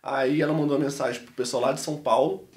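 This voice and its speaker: A Brazilian man with a Mineiro accent, a podcast guest telling a personal story in an animated, slangy way. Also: medium pitch, fast talker, roomy sound. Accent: Mineiro Brazilian Portuguese. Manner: animated, slangy, peppers speech with "mano" and "velho". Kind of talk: casual storytelling testimony.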